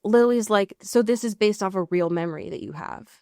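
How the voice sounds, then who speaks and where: Fairly quick and dark in tone, this American woman's medium-pitched voice drives her co-hosting on a casual recap podcast about TV and film. She swears, stresses her points hard, rambles, and fixes her own statements mid-stream. Audio is clean studio sound with no room noise.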